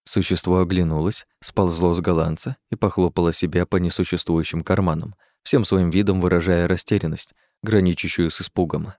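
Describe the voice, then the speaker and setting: A man narrates an audiobook in a measured, expressive voice that sits low. The sound is dry and close. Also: dry recording. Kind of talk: scripted narration.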